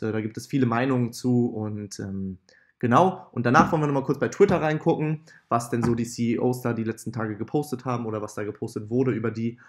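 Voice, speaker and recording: A man hosts a casual gaming news roundup, and his voice comes through as poor-quality audio from a makeshift microphone. He speaks at a mid pitch in a loose, chatty way. He often stops on filler sounds and adds small apologetic asides. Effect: poor-quality audio from a makeshift mic. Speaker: gaming channel host. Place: at his parents' home. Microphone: not his usual microphone.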